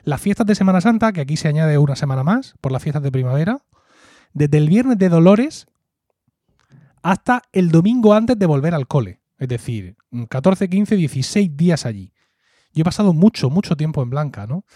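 Co-hosting a podcast, a man from Murcia, Spain, with a Murcian accent, recounts fond, reflective stories in casual conversation, regularly closing with a questioning "¿no?". He is very animated, with a fairly high, warm voice at a moderate pace. Clean studio sound, no room sound.

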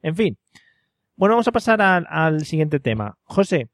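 A man's voice: on the high side, big pitch swings, moderate pace, no echo, clean studio sound. A man hosting a casual podcast, teasing his guests and steering the topics. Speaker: podcast host. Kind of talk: casual chat.

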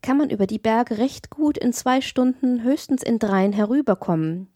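A woman's voice: a little high, moderate pace, warm tone, no room sound, clean studio sound, pitched above the performer's own voice, natural voice. A woman voicing a cheerful young male painter on foot, speaking in a friendly, teasing, earnest way in her own voice.

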